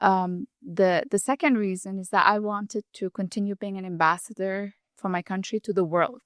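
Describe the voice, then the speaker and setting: Clean studio audio without room sound captures a woman speaking at normal speed, her medium pitch and intonation fairly even. She's a Saudi chef and food blogger being interviewed, explaining earnestly and at length while frequently starting her sentences over.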